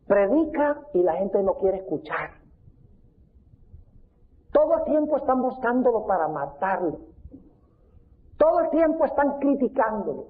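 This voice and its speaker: High-voiced emphatic preacher. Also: male voice. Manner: emphatic, rhetorical questions to the congregation. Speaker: pastor. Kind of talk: sermon. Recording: tinny phone-like sound.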